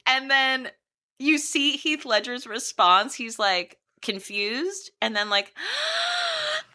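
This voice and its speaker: Bright-voiced woman in animated chat. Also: on the high side. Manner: animated, acts out characters' lines in quick voices. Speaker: podcast co-host. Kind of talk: casual chat recapping a film.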